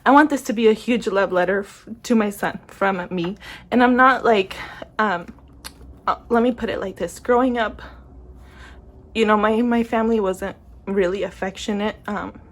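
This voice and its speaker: A young woman chatting casually to camera about her planners, soft-spoken and a little emotional, often trailing off and restarting. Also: mid-range voice, normal speed. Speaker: planner vlogger.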